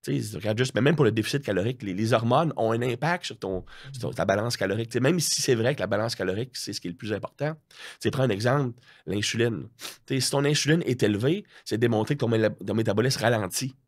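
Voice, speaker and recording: A strength coach appears as a podcast guest, chatting casually in a Quebec French accent. His voice is fairly low and quick, and he tells animated stories full of slangy asides and jokes at his own expense.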